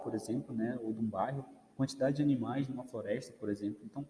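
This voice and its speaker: A man's voice: medium pitch, warm tone. A Brazilian man teaching an introductory statistics class, explaining step by step and often checking in with "né?". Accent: Brazilian Portuguese. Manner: explanatory, many fillers like "né" and "ok". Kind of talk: recorded lecture. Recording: roomy reverb, faint ambience.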